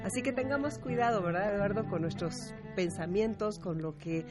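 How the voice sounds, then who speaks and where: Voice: medium pitch, moderate pace, loud music behind the voice. A show host interviewing a guest, often summing up the guest's points. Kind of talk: hosting an interview.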